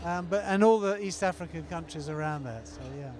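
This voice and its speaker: A man with a fairly high voice talks on a live stream about an event he helps run. He speaks loosely and rambles, stopping often to find his words. He was recorded outside, with city traffic around. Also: fairly quick, a little mellow. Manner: rambling, many fillers and restarts. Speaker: event organizer and former TV producer. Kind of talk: casual live stream chat.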